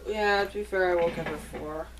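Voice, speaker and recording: A woman's voice: on the low side, fairly quick. A woman co-hosting a let's play, chatting casually and swearing freely as she plays, laughing often. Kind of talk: casual gaming banter. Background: video game music.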